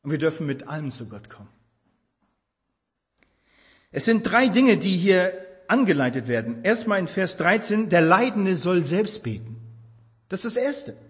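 A man preaching a sermon with passion, moving between loud emphasis and hushed tenderness. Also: high voice, big pitch swings, normal speed, long pauses. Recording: reverberant hall.

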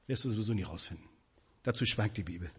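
A man preaching a sermon, addressing his congregation directly with emphatic, animated delivery. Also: on the low side, fast talker, husky.

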